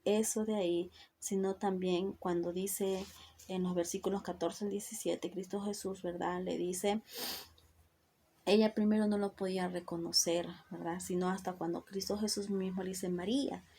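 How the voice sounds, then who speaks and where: With slight background noise behind her, a woman preacher teaches from the Bible in an earnest, devotional way, peppering her speech with "¿verdad?" and addressing her listener as "hermana." Her voice is medium-pitched, level and mellow at a moderate pace, and she makes slips and restarts.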